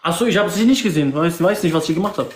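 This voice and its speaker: A man's voice: a little high, racing, roomy sound. A young man arguing casually and insistently in slang, often repeating words, on a live phone stream. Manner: insistent, repetitive slangy talk. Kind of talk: casual group banter. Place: indoor room. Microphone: phone at arm's length.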